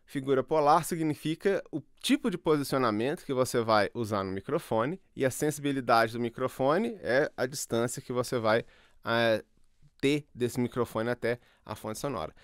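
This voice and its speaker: A man's voice: mid-range voice, expressive, moderate pace, smooth, dry recording. A man teaching microphone technique and moving around the mics as he explains, so his level and closeness keep changing. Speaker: audio tutorial host. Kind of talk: hands-on demonstration. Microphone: studio microphones at shifting distances.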